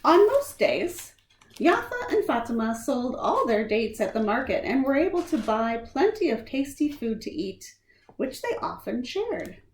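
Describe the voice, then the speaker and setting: A library storytime reader, a woman with a slightly high voice, reads a children's picture book aloud slowly and expressively. She's animated and deliberate, acting out lines and sound words. The room echoes, with faint background noise.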